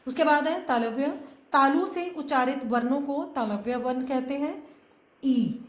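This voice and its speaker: A woman's voice: high-pitched, moderate pace, echoey room. A woman teaching a grammar lesson, patiently sounding out letters one at a time and slipping English words into her explanations. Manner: mixes English words into Hindi. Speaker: Hindi teacher. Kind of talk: classroom-style grammar lesson.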